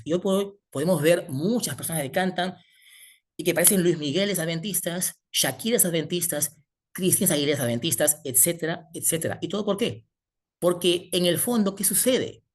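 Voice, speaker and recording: A man preaching a sermon, asking the congregation rhetorical questions as he teaches. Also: high-pitched.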